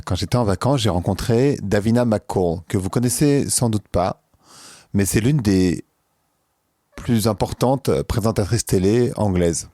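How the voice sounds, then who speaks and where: Low-voiced man hosting, dry sound. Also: dark tone, dry recording. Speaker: podcast host. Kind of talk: conversational introduction and interview.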